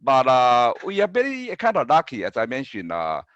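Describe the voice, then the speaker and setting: Taiwanese-accented man, halting and very animated. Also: medium pitch, no room sound. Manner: halting, repeats words. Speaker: university professor, panel speaker. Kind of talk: conference panel remarks. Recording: dull, dry video-call audio.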